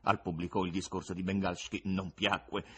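A man reading a novel aloud as narrator, in an expressive, dramatic audiobook style. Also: sits low, fairly quick, breathy edge.

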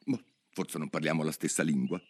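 A man's voice: rumbling low, a little fast, pitched below the performer's own voice. A man reading a storybook aloud, voicing a curious, polite young girl who rambles eagerly. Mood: chatty.

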